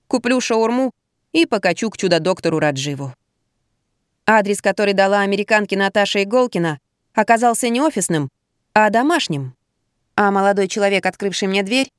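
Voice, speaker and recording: A woman's voice: medium pitch, clean tone, no room sound, clean studio sound. Wry woman narrating an audiobook. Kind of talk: first-person comic novel narration.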